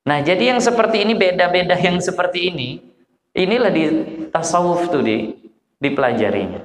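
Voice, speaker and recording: A man with a Medan Malay accent preaches in a loose, storytelling way at a village study gathering. His delivery is animated, and he drops into low voices as he acts out the people in his stories. His voice rings through an echoey hall with a long tail of reverb. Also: moderate pace, a little hiss or hum. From Medan, Indonesia. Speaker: Islamic preacher. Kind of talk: informal religious lecture.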